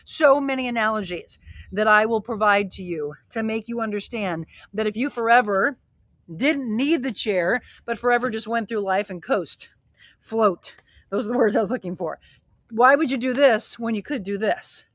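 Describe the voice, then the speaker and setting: A middle-aged woman coaching a live workout from outside her home, encouraging and energetic, a little out of breath as she exercises. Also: fairly high pitch, moderate pace, no echo. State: slightly out of breath. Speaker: fitness and wellness coach hosting a live stream. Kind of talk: live-streamed workout and motivational talk. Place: outdoors at her home, by a grilling area.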